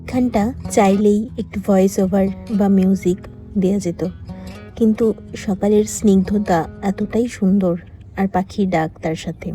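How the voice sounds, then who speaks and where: Mellow woman narrating a vlog. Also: mid-range voice, steady tone, moderate pace, faint music behind, poor audio. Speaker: travel vlogger. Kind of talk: vlog narration in Bengali mixed with some English.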